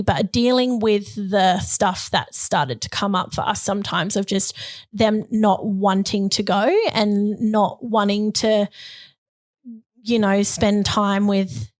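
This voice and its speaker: A middle-aged Australian woman co-hosting a casual podcast, her voice croaky as she recovers. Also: medium pitch, fairly even intonation, a little slow, no room sound. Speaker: podcast co-host. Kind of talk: casual conversational podcast chat.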